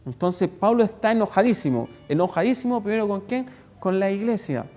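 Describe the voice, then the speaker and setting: A man's voice: high voice, brisk, a little mellow, big-room sound, faint music behind. A man with a Chilean accent preaching a sermon, emphatic and repeating words for stress. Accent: Chilean Spanish.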